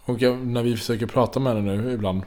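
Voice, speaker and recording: A man's voice: mid-range voice, steady tone, darkish tone. A man in his thirties, chatting casually, who often restarts his sentences and acts out what others said. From Sweden. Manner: halting, full of restarts, acts out quotes. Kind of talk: casual chat.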